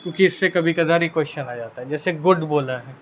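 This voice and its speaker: Man, Hindi accent, high-pitched voice, grammar lesson, asks and answers himself, keeps checking "theek hai". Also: quick pace, slight background noise. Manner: coaxing, asks and answers his own questions; repeats "ठीक है" constantly. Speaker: English teacher.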